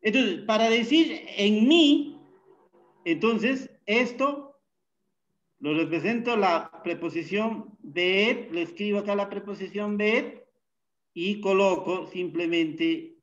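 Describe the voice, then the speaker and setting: A man teaching a Bible Hebrew class, unhurried, often pausing with fillers and checking in with tag questions. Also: sits high, a bit bright, dull audio. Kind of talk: classroom lecture.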